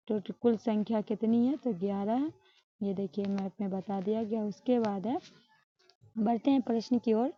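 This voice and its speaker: A woman teaching an exam-prep grammar lesson, explaining step by step, asking questions and answering them herself. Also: mid-range voice. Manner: ends points with a checking "all right?". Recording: dull, lo-fi sound.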